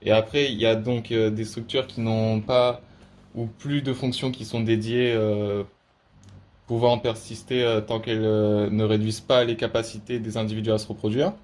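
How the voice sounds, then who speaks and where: A young man giving a prepared student presentation in a halting way, with very frequent hesitations. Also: on the low side, level tone, a little mellow.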